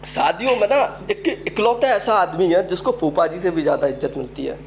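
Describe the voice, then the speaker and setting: High-voiced young man doing stand-up. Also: moderate pace, slight background noise. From Uttar Pradesh, India. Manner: storytelling, acts out quoted characters. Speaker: stand-up comedian. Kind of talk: stand-up comedy set. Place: open mic event venue.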